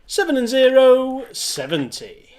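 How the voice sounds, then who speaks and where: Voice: high voice, big pitch swings, measured pace, darkish tone. A bingo caller calling numbers live, digit by digit with a rise, then the whole number with a fall. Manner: calls each number digit by digit, rising then falling, then repeats it whole. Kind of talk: live bingo calling in traditional singsong rhyming-call pattern.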